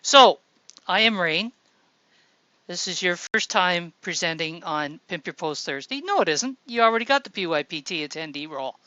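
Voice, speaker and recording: An upbeat woman hosts a group voice chat and calls people up one by one. Her voice sits a little low but has a bright, sharp edge. It comes through dull and lo-fi, like a voice-chat line, and the sound is dry. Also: lively intonation, normal speed, dry recording. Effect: group voice chat audio. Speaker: host of a voice-chat showcase. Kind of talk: casual hosting chat.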